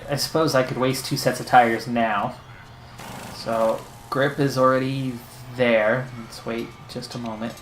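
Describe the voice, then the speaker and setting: A man's voice: mid-range voice, fairly bright tone, echoey room, slight background noise, rough recording. A man hosting a racing management game video, talking through his race strategy in anxious, pleading running commentary. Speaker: gaming channel host. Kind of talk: let's-play commentary.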